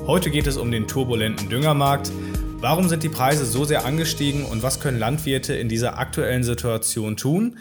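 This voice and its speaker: A man's voice: medium pitch, brisk, music in the background. A man hosting a podcast, giving friendly, scripted introductions and asking questions. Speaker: podcast host. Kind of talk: podcast interview.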